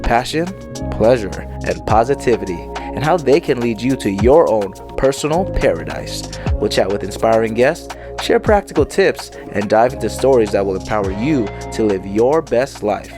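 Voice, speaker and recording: A man's voice: mid-range voice, animated, moderate pace, over music. Playful hyped podcast host, a man. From Connecticut. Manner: playful, hyped, laughs a lot, shout-outs. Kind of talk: casual chat.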